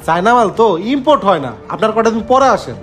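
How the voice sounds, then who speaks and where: A man's voice: high voice, sing-song, fairly bright tone, faint music behind. A man acting a dismissive salesman who brushes off a customer. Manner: dismissive, quick colloquial talk. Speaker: shop salesman in a skit. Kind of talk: amateur social drama acting.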